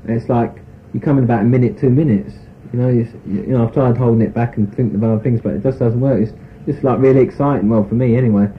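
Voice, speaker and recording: Man, interviewee, rambling frank account, fast delivery, lo-fi phone-like tape with faint hiss. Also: mid-range voice, fairly even intonation. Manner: rambling, full of "you know" and "sort of".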